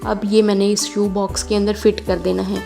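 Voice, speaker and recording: A woman's voice: mid-range voice, level tone, normal speed, creaky. A woman, giving a chatty, homely step-by-step craft tutorial with frequent fillers. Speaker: DIY craft vlogger. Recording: home video with faint background music.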